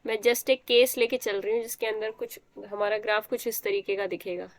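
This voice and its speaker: A woman's voice: medium pitch, fairly even intonation, brisk, dry recording. A young woman teaching a math class, explaining step by step and quizzing students as she goes. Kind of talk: live online math class.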